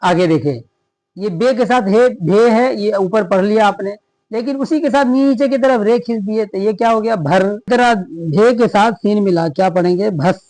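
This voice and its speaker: A man's voice: high voice, normal speed, darkish tone, no echo. A man who teaches at a madrasa, patiently explaining letter sounds, repeating each one and asking the listener to say it back. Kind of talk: patient spoken alphabet lesson.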